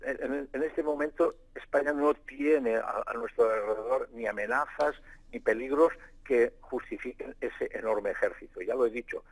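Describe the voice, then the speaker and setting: A man's voice: mid-range voice, moderate pace, no echo, low-quality recording. A man with a Peninsular Spanish accent, a guest analyst giving blunt, assertive commentary. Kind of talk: remote commentary.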